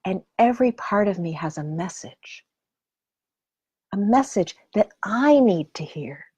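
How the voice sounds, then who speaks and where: A woman giving a heartfelt personal talk on emotions, often dropping into soft whispers and then rising to emphatic intensity. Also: mid-range voice, lively intonation, unhurried, husky, no echo, dull audio.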